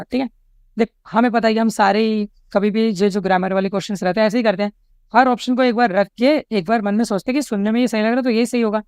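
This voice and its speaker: Male tutor, Indian English accent, slow deliberate reading of questions, smooth voice, dry close sound. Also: high voice, no echo. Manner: explanatory, keeps checking in with "ठीक है?". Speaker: exam prep instructor. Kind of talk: online exam-prep lesson.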